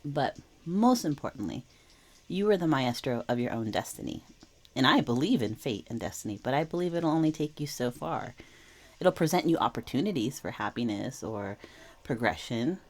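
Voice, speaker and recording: Low-pitched, slightly wheezy woman. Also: lively intonation, normal speed. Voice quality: slightly wheezy, with throat clearing. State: under the weather. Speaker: tarot reader and channel host. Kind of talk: casual spiritual tarot reading to viewers.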